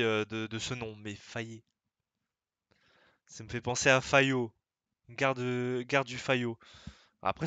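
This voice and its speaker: A man's voice: medium pitch, pushed and bright, clean tone, dry recording. A young man streaming live, chatting casually in a rambling, slangy way that keeps interrupting itself.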